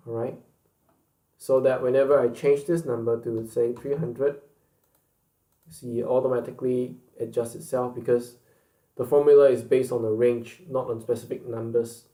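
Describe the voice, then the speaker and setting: A man walks through a screen-recorded software lesson at an unhurried pace, repeating key points as he goes. His voice is mellow, and the room around him gives it a noticeable echo. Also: medium pitch. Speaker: instructor.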